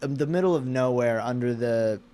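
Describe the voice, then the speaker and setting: American man in halting, rambling chat. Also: mid-range voice, mellow, clean tone. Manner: halting, searching for words, often restarting.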